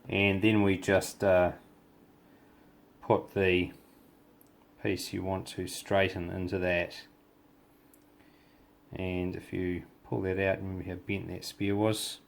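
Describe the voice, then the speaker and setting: A man with a New Zealand accent and a gravelly voice, giving a casual hands-on hobby demonstration in halting, unscripted phrases. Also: little pitch movement. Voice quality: gravelly, low voice. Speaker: hobby tutorial presenter.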